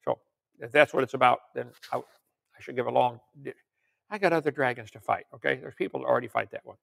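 Speaking at a quick pace, the older man's mid-range voice comes across creaky and a bit bright. He's a preacher and creationist lecturer giving a casual teaching sermon, reading articles and viewer questions with homespun humorous asides.

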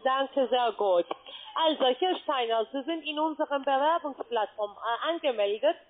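High-voiced woman on the phone. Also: expressive. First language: not German. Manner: halting, checks with repeated "ja?". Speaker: cold-call account adviser. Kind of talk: scripted sales phone call. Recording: muffled narrow phone line.

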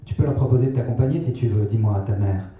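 A man's voice: fairly low pitch, fast talker, natural voice. Man playing a smug rich schoolboy. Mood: amused, smug. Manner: amused, condescending. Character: smug rich teenage boy, mocking. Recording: echoey, distant, slightly dull.

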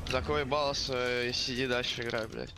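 A man's voice: medium pitch, fairly even intonation, moderate pace. A man raging as a gamer during an online match, foul-mouthed and taunting. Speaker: gamer, game streamer. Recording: loud music over game stream voice.

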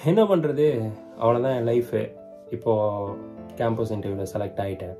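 A man's voice: medium pitch, expressive, moderate pace, mellow, faint music behind. A young man acting in a comedy skit, easygoing and at times earnest and reflective. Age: young adult. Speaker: comedy skit actor, older brother figure.

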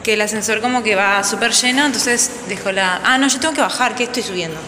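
A young woman from Entre Ríos, speaking Argentine Spanish, vlogs upbeat on a handheld phone camera in a busy indoor hostel common area. Her voice is a little high and quick, with crowd chatter filling the noisy background.

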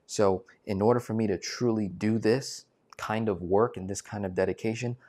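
A man in his twenties, a financial coach, giving an animated direct-to-camera sales pitch on a lapel mic, often tagging lines with "right?". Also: normal speed. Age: 20s. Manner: animated, gesturing, many filler "right?" tags. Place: indoor studio with plain backdrop.

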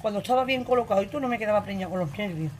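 A woman's voice: medium pitch, expressive, rapid-fire, a little hiss or hum. A woman in her forties with an Andalusian Spanish accent, telling her own story to her viewers in a blunt, earthy, emotional way and swearing freely. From Andalusia, Spain. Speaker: vlogger.

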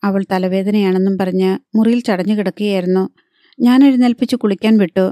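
A woman's voice: mid-range voice, steady tone, a little fast, dark tone, no echo, studio quality, close to an everyday voice. Woman reading as an urgent young brother. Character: young man, worried elder brother.

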